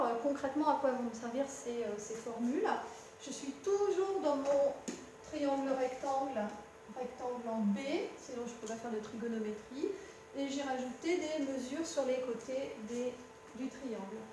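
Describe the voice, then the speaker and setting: A high-pitched woman teaching a math lesson, patient and talking straight to the student. She often corrects her own slips. The room is very echoey, with a faint hum underneath. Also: moderate pace, distant mic. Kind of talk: explaining a lesson at a board.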